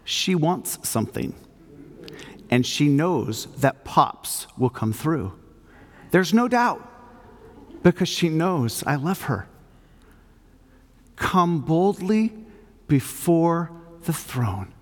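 Older male pastor, emphatic sermon delivery, unhurried, reverberant church sound. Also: fairly high pitch, very animated. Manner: earnest, emphatic preaching with slow stressed phrases. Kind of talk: sermon with closing prayer. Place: church hall.

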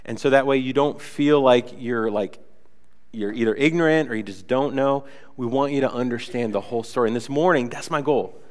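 A young male pastor delivers a relaxed, chatty sermon in a church sanctuary, his medium-pitched voice moving a little fast. A cold makes him sound slightly nasal, he leans on conversational fillers, and the big room adds its echo.

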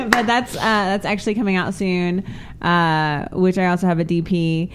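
Casting: giggly woman, New Jersey accent, loose casual talk-show guest, mid pitch, faint background noise. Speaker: adult film performer, guest on the show. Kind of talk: casual chat.

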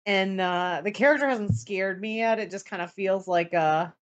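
Rambling, tired woman podcaster, mid-pitched voice. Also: moderate pace. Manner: rambling, hesitant, many false starts. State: mentally fried, tired. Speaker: podcast co-host. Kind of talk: casual live-stream chat.

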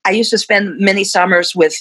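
A woman's voice: medium pitch, a little fast, fairly bright tone, slightly rough, rough recording. A woman in her fifties, a musician being interviewed, who talks in a reflective way and laughs often between thoughts. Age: 50s. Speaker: musician guest. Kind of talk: casual interview.

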